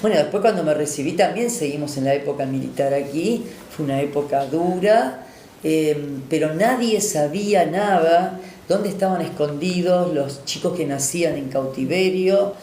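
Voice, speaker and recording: A woman's voice: deep voice, normal speed, dark tone. A woman in her sixties with a Rioplatense accent, a doctor recalling her past in a reflective, hesitant way. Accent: Rioplatense Spanish. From Argentina. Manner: reflective, with hesitations and tag questions. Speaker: doctor interviewee. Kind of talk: oral history recollection. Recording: roomy sound with faint noise.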